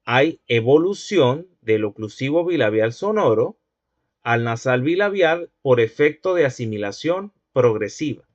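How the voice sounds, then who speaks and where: A man's voice: mid-range voice, expressive, unhurried, no echo. Man teaching a phonology lecture. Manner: patient, repetitive, asks checking questions. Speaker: linguistics teacher. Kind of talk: university lecture. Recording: dry, dull lo-fi recording.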